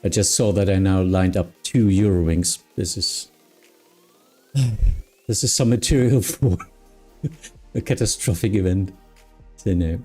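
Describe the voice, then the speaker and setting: Mellow male streamer working as tower controller. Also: low-pitched, a little slow, long pauses, faint music behind. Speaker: live streamer playing tower air traffic controller. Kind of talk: procedural clearances mixed with casual stream chat.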